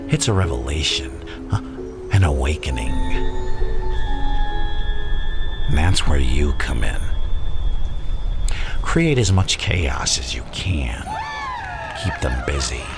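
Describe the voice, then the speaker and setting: Very deep, gravelly Joker villain. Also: male voice, sing-song, exaggerated voice. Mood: scheming, commanding. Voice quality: gravelly, often breathy whisper. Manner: theatrical, drawn-out, conspiratorial. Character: Joker, theatrical male villain, menacing, philosophical, gleeful madman. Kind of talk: ASMR roleplay villain monologue. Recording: music playing behind the voice.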